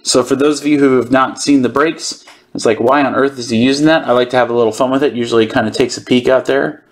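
Man, mid-pitched voice, card channel host, casual unboxing commentary, informal, thinking aloud. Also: fairly even intonation, quick pace.

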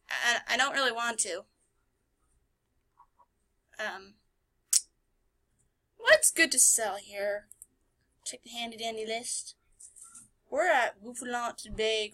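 A woman's voice: fairly high pitch, slow, long pauses, sharp tone. A woman giving casual, playful and sarcastic commentary as she plays a game. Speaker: gamer narrating a playthrough. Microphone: screen recording voice-over.

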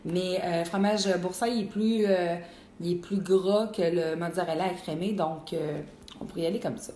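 A woman's voice: lowish voice, moderate pace. A young woman with a Québécois accent hosting a live cooking stream, chatting casually and answering viewers. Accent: Québécois French. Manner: chatty and animated, full of fillers. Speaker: cooking show host. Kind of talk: live-stream cooking chat reading comments. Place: home kitchen. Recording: echoey room with faint noise.

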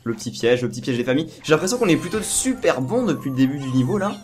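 A man hosts a let's play in a hoarse, worn voice of medium pitch. He chats casually and excitedly, often firing off the same word several times in a row. Game music plays behind him. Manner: repeats words in quick bursts. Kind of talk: casual excited gameplay commentary. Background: video game music.

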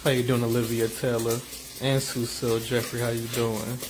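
A man's voice: medium pitch, flat delivery, normal speed, noisy background. Laid-back man greeting viewers. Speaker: co-host reading viewer comments. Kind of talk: casual livestream chat. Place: home kitchen, indoors. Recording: kitchen with loud sizzling. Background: frying sounds.

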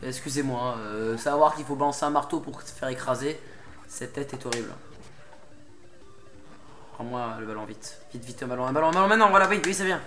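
A man's voice: mid-range voice, brisk, long pauses, sharp tone. A young man doing casual commentary while playing a game, getting worked up, pleading with and swearing at a boss. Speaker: let's play gamer. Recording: game music behind the voice.

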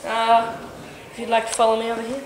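A young woman giving a comedic mock tour of a house, boasting deadpan with sudden yelps, filmed indoors on a home camera from a distance. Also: on the high side, fast talker. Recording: echoey room, distant mic, noisy home video.

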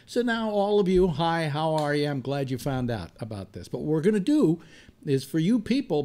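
An American man in his seventies hosts a talk show from a desk microphone in a room at home lined with disc shelves. His medium-pitched voice is mellow, and he rambles along in a casual way.

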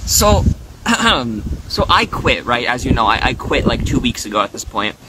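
A man's voice: mid-range voice, very animated, measured pace, background noise. A man streaming live from his phone, rambling casually with lots of fillers and restarts and swearing freely as he vents. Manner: swears freely, aggrieved venting.

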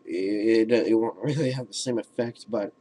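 A teenage boy chatting casually to a webcam at home in a hesitant, halting way. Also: on the low side, dark tone. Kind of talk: casual vlog chat. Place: room at home, indoors. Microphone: webcam at arm's length. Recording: faint noise and clicks, webcam audio.

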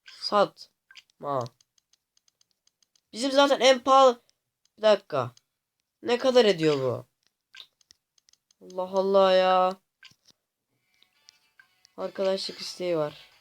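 A man hosting a gaming channel, commenting casually on his gameplay to viewers, often exasperated and complaining out loud at the game. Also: high-pitched, expressive, takes it slowly, long pauses, smooth. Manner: talks to viewers directly.

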